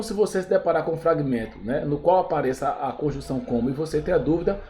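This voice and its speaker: A man's voice: on the high side, dark tone. A man with a Brazilian Portuguese accent, a Portuguese teacher going step by step through exam questions and checking in with his students after each point. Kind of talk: exam review lesson.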